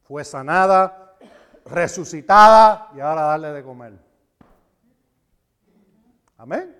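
A man preaching a sermon, animated and emphatic, repeating phrases for stress. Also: on the high side, takes it slowly, smooth. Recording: reverberant hall.

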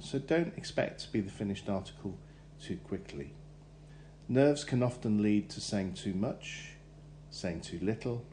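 A man gives interview advice in a measured, instructive way. His voice sits low and sounds mellow and relaxed. A faint hum stays in the background. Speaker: careers adviser. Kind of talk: scripted advice segment.

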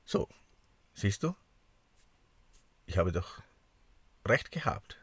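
Very deep, nasal man with foreign accent. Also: sing-song, slightly rough, no echo. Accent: foreign accent in German. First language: not German. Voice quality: congested nasal sound from a broken nose. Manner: halting, searching for words. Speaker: podcast co-host. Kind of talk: casual podcast chat. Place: small camper van used as studio.

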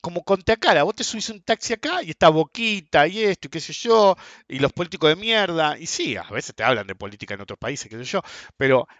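Argentine guy ranting, crude and blunt, keeps saying ok, bright edgy voice, dry muffled recording. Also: on the high side, very animated, a little fast, no echo. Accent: Argentine Spanish. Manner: blunt and crude, tags sentences with "ok?" and "viste?". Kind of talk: casual ranting monologue. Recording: dull, lo-fi and dry.

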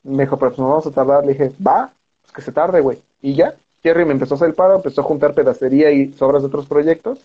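Mexican guy, director on a podcast, telling a story all slangy, kinda high voice, muffled lo-fi sound. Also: quick pace, husky. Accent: Mexican Spanish. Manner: casual, slangy, acts out quoted voices. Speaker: film director guest. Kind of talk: animated storytelling anecdote.

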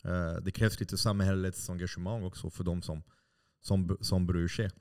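Gravelly low man. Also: flat delivery, darkish tone. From France. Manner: passionate, explaining at length with many restarts. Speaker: podcast host and baker. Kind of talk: casual podcast conversation.

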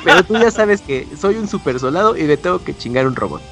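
A man with a Mexican accent and a somewhat high voice talks casually about games as part of a panel. Faint music plays under his voice. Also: big pitch swings, brisk. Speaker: video game podcast panelist.

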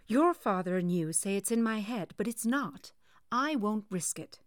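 A woman's voice: mid-range voice, expressive, unhurried, no room sound, clean studio sound, natural voice. Woman reader voicing a cold, clipped, stubborn mother.

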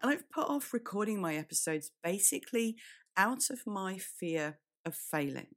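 A British woman with a croaky, breaking voice, hosting a solo business podcast in a candid, conversational way and speaking straight to the listener. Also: medium pitch, animated, moderate pace. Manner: candid, addresses listener directly. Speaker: podcast host.

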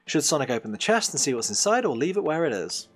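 A man's voice: on the high side, big pitch swings, fast talker. A man hosting a podcast, reading an adventure game book aloud as game master, with hesitant, filler-heavy asides between passages.

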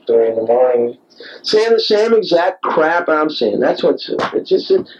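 A man's voice: fairly high pitch, big pitch swings, a little slow, muffled recording. A young man rambling wryly into a dictaphone late at night, recorded on a handheld tape recorder. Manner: rambling, digressive, wry. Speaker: audio diarist.

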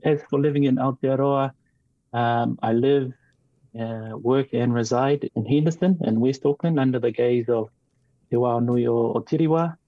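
A man born in New Zealand and raised partly in Tonga, a guest in an interview, speaking in a measured, reflective way with frequent ums and restarts. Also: medium pitch, no room sound, dull audio. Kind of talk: casual interview talk.

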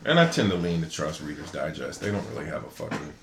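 A man's voice: very deep voice, big pitch swings, fast talker, background noise. A man co-hosting a podcast in casual chat, rambling and profane, often losing his train of thought. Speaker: podcast co-host. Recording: roomy echo.

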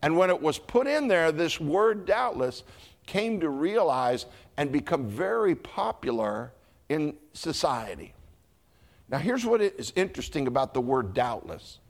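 A man's voice: on the high side, sing-song, measured pace, gravelly. A male pastor with a Southern US accent preaching a sermon emphatically, stretching key words and repeating himself.

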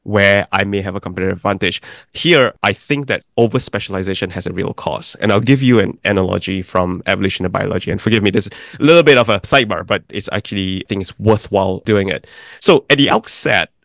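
A middle-aged man from Malaysia answers interview questions in a calm, deliberate way, listing his points in careful order. His voice sits fairly low. The sound is dry and close, with almost no room echo. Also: vocal fry. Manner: deliberate, explanatory, lists points in sequence. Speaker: investment firm founder, guest.

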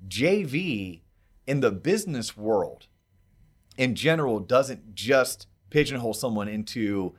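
A man's voice: mid-range voice, animated, unhurried. A man hosting a podcast, explaining things in a casual, emphatic way and checking in with rhetorical questions. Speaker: podcast host.

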